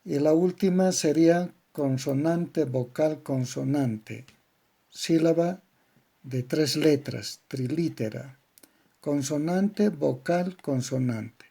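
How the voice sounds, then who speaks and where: A man with a Bolivian accent giving a slow, methodical grammar lesson, spelling out syllable patterns word by word. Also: a little high, creaky, dark tone, husky. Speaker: language teacher. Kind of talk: slow didactic lecture on grammar.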